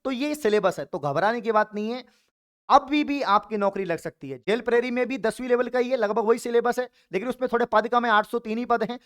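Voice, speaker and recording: A man's voice: very high voice, fairly quick, fairly bright tone. Encouraging coaching teacher, man. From Rajasthan, India. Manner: encouraging, addresses viewers as friends and brothers. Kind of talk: YouTube exam update talk.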